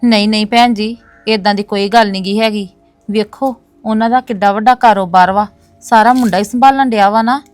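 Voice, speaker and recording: A woman's voice: mid-range voice, fairly even intonation, brisk, no echo, faint music behind, lightly acted. An actress playing a proud woman who insists on defending her brother and his family in a domestic drama. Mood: insistent. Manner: earnest, insistent, repeating "no, no, sister". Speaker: actress in a web series.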